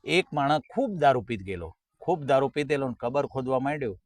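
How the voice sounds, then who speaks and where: Male folk comic, storyteller who acts out voices, mid pitch, dry close mic. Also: expressive, no room sound. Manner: storytelling, acting out characters' lines; sings short folk song lines slowly. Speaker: comedian. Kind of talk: Gujarati folk stand-up jokes.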